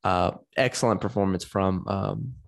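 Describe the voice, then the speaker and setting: Co-hosting a casual sports podcast, a man talks enthusiastically and conversationally, full of fillers and restarts. His low voice has vocal fry and moves at normal speed.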